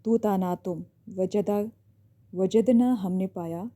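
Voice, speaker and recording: This teacher's voice is very dark and mellow, sitting in the mid range. Working through her recorded lesson one step at a time, she regularly checks in with a brief "ठीक है" before going on to the next point.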